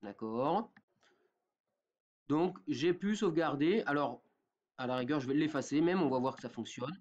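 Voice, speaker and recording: A man giving a step-by-step software tutorial, with many fillers and a habit of asking "d'accord?" after each step. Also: a little high, animated, moderate pace, dull audio. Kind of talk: screen-recorded software tutorial.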